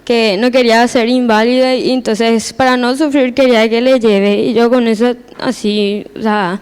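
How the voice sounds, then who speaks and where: A woman's voice: fairly high pitch, fairly even intonation, moderate pace, a little mellow, smooth. A teenage girl giving a personal church testimony, hesitant and repeating her words as she restarts.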